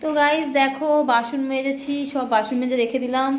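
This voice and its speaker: A woman's voice: high-pitched, steady tone, brisk, a little hiss or hum. A woman, vlogging casually to her viewers on a handheld phone, chatty and rambling. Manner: chatty, rambling, repeats herself. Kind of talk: casual daily vlog talk to viewers.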